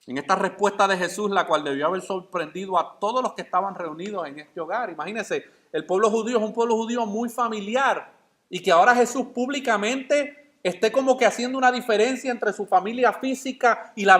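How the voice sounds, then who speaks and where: A man preaching from the pulpit, his voice pitched high for a man. He keeps firing rhetorical questions at the congregation and then answers them himself. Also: a little fast, a bit bright. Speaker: pastor. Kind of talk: sermon.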